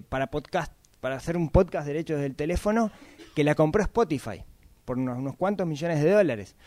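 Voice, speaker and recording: A man, giving a casual, chatty talk about podcasting and often tagging his points with quick questions. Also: on the high side, a little mellow, no echo. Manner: chatty, frequent tag questions.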